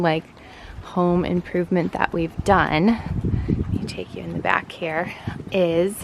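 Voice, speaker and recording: Woman, creaky voice, gushing home vlogger, casual chatty delivery, faint background noise. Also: on the low side. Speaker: homemaking vlogger, host. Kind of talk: casual house-tour vlog chat. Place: at home, partly outdoors on a deck.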